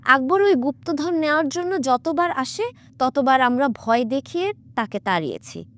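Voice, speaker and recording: A woman voicing an angry male jinn possessing a young man in a horror audiobook, shouting threats and later pleading tearfully. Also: sits high, lively intonation, normal speed. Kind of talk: audiobook character voice.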